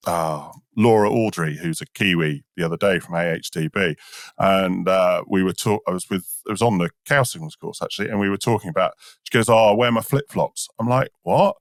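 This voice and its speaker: Chatty male podcast host, low voice. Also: normal speed, fairly bright tone, no room sound, studio quality. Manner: chatty, tells anecdotes with acted-out quotes. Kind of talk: casual podcast interview.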